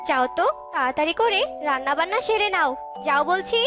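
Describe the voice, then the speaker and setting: A woman's voice: very high-pitched, expressive, fairly quick, music in the background. A woman voicing a spiteful, nagging old bird grandmother who scolds her daughter-in-law in a cartoon. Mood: scolding.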